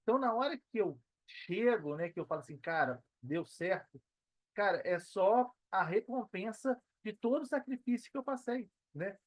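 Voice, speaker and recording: The speaker is a Brazilian man, a digital entrepreneur on a podcast, whose high-pitched, expressive voice keeps a moderate pace with no echo. His talk is a casual, slangy interview exchange, earnest and emphatic, with phrases repeated for emphasis.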